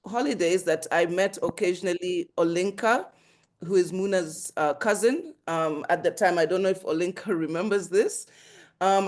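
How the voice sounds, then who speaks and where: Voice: medium pitch, a little mellow. A host introducing a guest speaker on a video call, chatty and loose with fillers.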